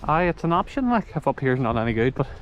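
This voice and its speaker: A man's voice: medium pitch, big pitch swings, fast, muffled recording. A man with a Northern Irish accent, chatting casually and thinking aloud as he hikes a wet mountain trail, filmed on a handheld phone. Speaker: hiking vlogger. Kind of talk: casual walk-and-talk vlog. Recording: loud wind noise outdoors. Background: wind and rain.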